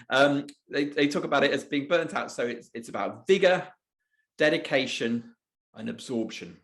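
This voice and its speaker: A man hosts a live webinar over a video call, talking loosely and reading audience replies aloud. His pitch sits in an ordinary middle range. The sound is roomy, with a noticeable echo. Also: a bit bright. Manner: conversational, reads out audience chat answers. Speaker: webinar host and presenter.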